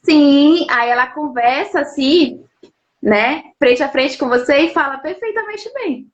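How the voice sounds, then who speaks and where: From home, a woman who works as a sign language interpreter and lawyer patiently explains things in a live interview, often checking in with little tag questions. Her voice sits high and sounds animated, and she keeps a measured pace. The sound is lo-fi.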